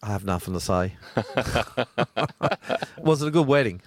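A man's voice: fairly low pitch, animated, unhurried. An Australian man hosting a live radio show as a pastor, chatting casually in a colloquial, matey, teasing way.

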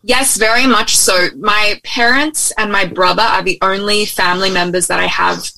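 A young adult woman from Australia, her accent tinged with American, talks openly and warmly as a guest in a casual interview, full of ums and restarts. Her medium-pitched voice is gravelly and sharp, steady in tone and moderate in pace. She's on a remote call from home in Hawaii, and the low-quality recording has no echo.

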